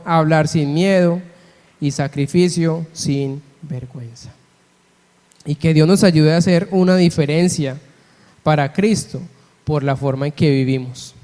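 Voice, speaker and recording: A man's voice: on the high side, warm tone. A man preaching a sermon as pastor, earnest and emphatic, asking rhetorical questions of the congregation. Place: church. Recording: long church hall reverb.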